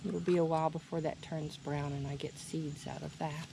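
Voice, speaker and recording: A woman giving a casual, unhurried, plainspoken tour of a garden. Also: low-pitched, flat delivery, vocal fry. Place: outdoors in a garden. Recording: noisy outdoor recording with insect sounds. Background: crickets and insects.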